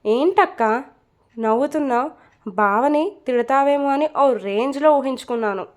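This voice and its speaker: A woman's voice: sits high, moderate pace, lightly acted. A woman reading a storybook, voicing a playful, teasing young woman who pesters her relatives.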